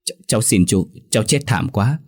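A shrill, vengeful hanging ghost woman, put on by a man in an audio horror story. The voice sits low and a little husky, wheedling and menacing by turns. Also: fairly even intonation, unhurried. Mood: pleading. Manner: luring, then raging, then whimpering like a child.

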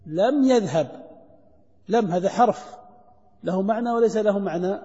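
High-voiced man teaching grammar. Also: warm tone. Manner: questions students and drills answers. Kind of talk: classroom grammar lesson. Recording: dull lo-fi lecture recording in a hall.

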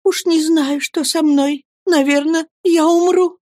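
A woman's voice: extremely high pitch, steady tone, slow pace, a little mellow, no room sound, clean studio sound, voice pushed up. Woman doing a trembling timid young mother. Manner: trembling, faint and plaintive. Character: timid, frail young mother, tremulous and easily overwhelmed. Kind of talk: audiobook character voice.

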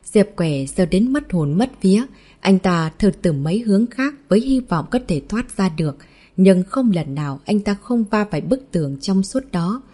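A woman reading a martial arts novel aloud in a steady narration voice, voicing every character in the same plain tone. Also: medium pitch, normal speed, slightly rough. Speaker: audiobook narrator.

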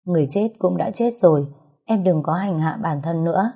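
A woman voicing a calm young man comforting his sister gently. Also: on the low side, brisk, slightly rough. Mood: soothing. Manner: soothing, gentle. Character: calm protective young man, older brother.

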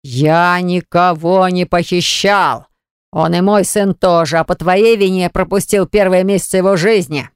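Woman doing stern domineering man, slow low clipped commands, smooth dry voice. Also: fairly even intonation, a little mellow, dry recording.

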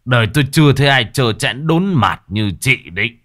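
A man voicing a gruff, scornful older village man who talks low and hushed, in a spoken ghost story. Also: very animated, moderate pace, heavily acted.

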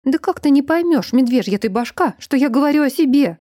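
A woman's voice: on the high side, normal speed, dark tone, no echo, clean studio sound, natural voice. A woman voicing a scared young vampire woman. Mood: frightened shouting. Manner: pleading, raised voice when upset.

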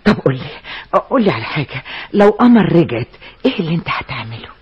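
A woman's voice: low voice, sing-song, quick pace, slightly rough, muffled recording, heavily acted. An actress playing a caring older sister who coaxes and encourages her brother in a tender way, with an Egyptian accent, as in a 1960s Egyptian radio drama. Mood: coaxing.

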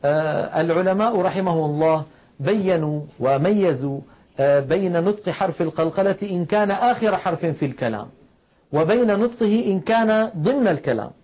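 A man teaching Quranic recitation rules, explaining slowly and demonstrating sounds aloud. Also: sits high, expressive. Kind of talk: televised tajweed lesson. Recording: dull lo-fi broadcast audio.

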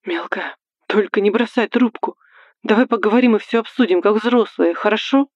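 A woman's voice: medium pitch, moderate pace, darkish tone, dry recording, muffled recording, natural voice. A woman reading the part of a selfish, controlling young man who commands and threatens his girlfriend. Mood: anxious. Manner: commanding and menacing, turns coaxing.

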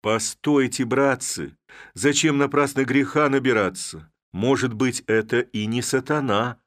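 A man's voice: on the low side, normal speed, no echo, studio quality, voice pushed up, natural voice. A man voicing a cautious, fussy village clerk who reasons nervously with the crowd. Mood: nervous urging.

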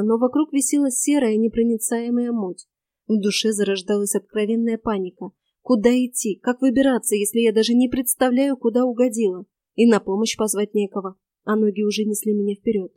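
A woman narrates a first-person story in an expressive storytelling manner. Her voice sits a little high and sounds mellow, and the recording is dry and close. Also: dry recording. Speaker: audiobook narrator.

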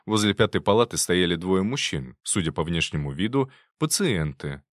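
A man reads a first-person novel in a low voice whose pitch rises and falls with lively expression. The sound is dry and close, with a wry touch to the telling. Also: moderate pace, no room sound. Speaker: audiobook narrator.

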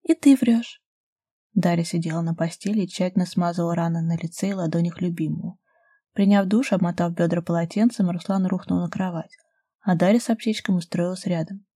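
Woman narrating an audiobook, husky. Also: lowish voice, flat delivery, fairly quick, mellow, no room sound, studio quality. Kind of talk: scripted narration.

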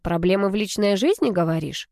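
Woman voicing a grumpy older brother, tired and sarcastic, mellow warm voice. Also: medium pitch, fairly quick, no echo, clean studio sound, natural voice. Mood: grumbling. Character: grumbling young man, weary older brother.

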